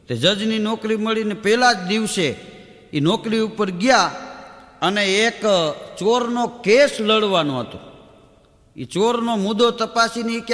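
A man telling folk jokes on stage and acting out the dialogue in quick back-and-forth quotes. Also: sits high, fairly bright tone, long reverb tail. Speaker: comedian telling village jokes. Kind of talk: Gujarati folk humor storytelling (lok dayro). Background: audience laughter.

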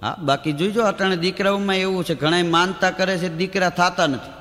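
A man telling folk jokes on stage and acting out the dialogue in quick back-and-forth quotes. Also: high-pitched, pushed and bright, long reverb tail. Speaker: comedian telling village jokes. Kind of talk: Gujarati folk humor storytelling (lok dayro). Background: audience laughter.

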